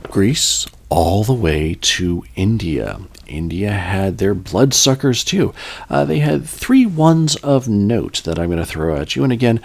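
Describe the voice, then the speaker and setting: A man with a low, gravelly voice hosts a podcast and talks through old legends in a loose, conversational way. His delivery swings widely in pitch, and he keeps breaking off for wry asides and to fix his own words. He sounds like a relaxed storyteller rather than a reader. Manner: rambling, joking asides, self-corrections. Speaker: podcast host. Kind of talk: casual folklore storytelling.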